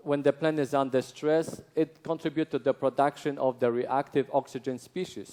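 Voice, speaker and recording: A man leads a training lecture in halting, broken phrases. He pauses often, repeats words and fills gaps with uh and um. His delivery is very slow and measured, with an ordinary mid-range pitch. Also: steady tone, darkish tone. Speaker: product trainer.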